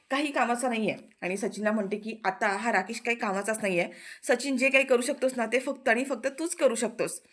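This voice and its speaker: A woman retelling a TV serial episode in a casual recap, quoting the characters' lines as she goes. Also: medium pitch. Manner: quick, animated retelling with quoted lines.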